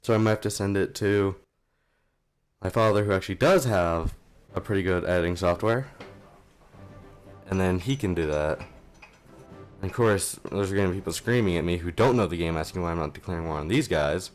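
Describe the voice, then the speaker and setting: A man's voice: deep voice, a little fast, long pauses, soft background music. A young man giving casual, rambling let's play commentary at home, offhand and self-deprecating, on a modest mic. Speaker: gaming channel host.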